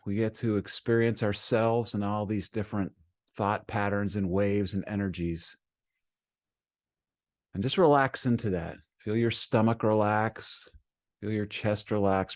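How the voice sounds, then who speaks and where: A meditation teacher with a lowish voice guides a session, speaking gently and soothingly in short phrases broken by frequent pauses.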